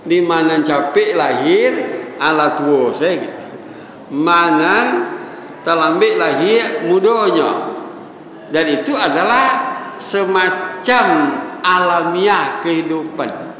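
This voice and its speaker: A man's voice: fairly high pitch, lively intonation, slow pace, bright, forceful tone. Older male preacher in an echoey mosque. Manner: chants Arabic verses, then jokes with the congregation. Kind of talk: Ramadan evening sermon. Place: large mosque hall. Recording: echoey mosque hall, faint ambience.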